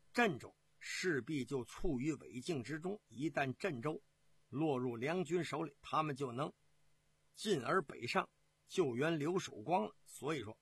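A storyteller voicing a calm, composed older male army commander, in a husky voice with slow, deliberate speech. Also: medium pitch, no room sound, full character voice. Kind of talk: traditional storytelling.

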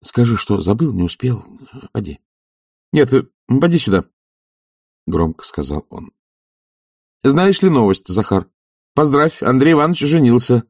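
Fields: man doing an excitable soft-hearted gentleman. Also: mid-range voice, a little slow, gravelly, long pauses, slightly rough, no room sound, clean studio sound, pitched above the performer's own voice, heavily acted. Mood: excited. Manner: eager, breathless exclamations. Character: idle gentle nobleman, excitable, emotional.

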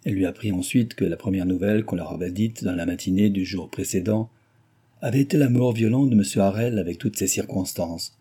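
A man narrating a classic novel in a measured, even reading. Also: low-pitched, husky.

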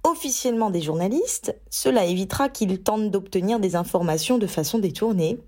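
A woman voicing a clever young witch who gives brisk, instructive advice. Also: mid-range voice, animated, warm tone, lightly acted. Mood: advising.

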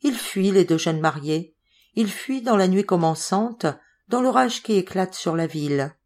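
A woman narrating a novel in a measured, dramatic reading. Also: fairly low pitch, expressive, a little mellow. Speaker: audiobook narrator. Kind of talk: scripted literary narration.

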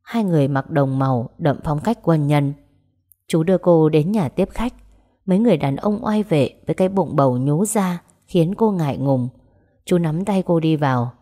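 A woman narrating a romance story aloud and voicing its characters in a gentle, even way. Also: low voice, moderate pace. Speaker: audiobook narrator. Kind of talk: storytelling narration with dialogue voices.

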